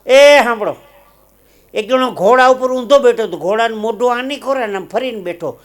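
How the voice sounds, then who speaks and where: A man telling comic stories on stage at a live show, and acting out the characters in his jokes in loud, high voices. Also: brisk. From Gujarat, India. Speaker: comedian. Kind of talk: live stand-up storytelling.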